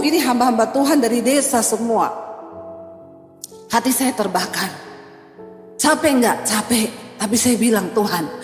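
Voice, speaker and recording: A woman pastor preaching a sermon with a Javanese-tinged accent, animated and chatty, swinging between loud exclamations and hushed lines, with joking asides. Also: high voice. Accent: Indonesian with Javanese touches. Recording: echoey church hall with music.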